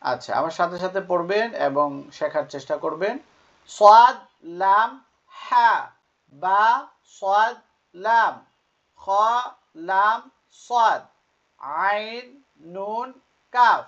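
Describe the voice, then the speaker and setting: A Quran teacher giving an online class, calling out letter names one at a time and stressing some of them loudly. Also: medium pitch, drawn-out words, pauses often, muffled recording.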